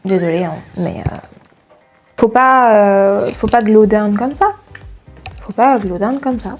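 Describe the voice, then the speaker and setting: A young woman with a French accent, chatting casually to her viewers in an animated, giggly way. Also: on the high side. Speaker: YouTuber. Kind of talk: casual chat to camera.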